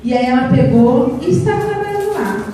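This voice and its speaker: A woman telling a story to children at a church, animated, stretching words and asking the children questions. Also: sits high, brisk, soft background music. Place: church hall. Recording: echoey church hall, distant mic.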